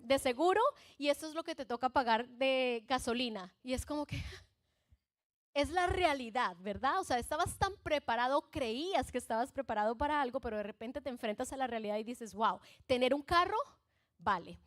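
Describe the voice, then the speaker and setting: A woman pastor in her thirties preaching a sermon, telling lively personal stories and acting out her own past lines. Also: sits high, moderate pace. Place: church stage.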